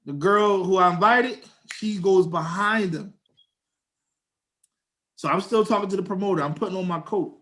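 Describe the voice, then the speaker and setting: Young male co-host, high voice, animated slangy storyteller. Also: moderate pace, pauses often. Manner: animated storyteller, slangy, acts out quotes in a raised voice. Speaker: podcast co-host. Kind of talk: casual storytelling chat.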